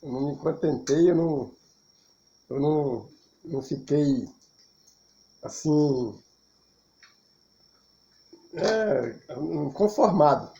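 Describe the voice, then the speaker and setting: A man's voice: on the high side, muffled recording. A man in his fifties with a Brazilian Portuguese accent, casually telling a personal story and chuckling often. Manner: chuckling often, relaxed and talkative.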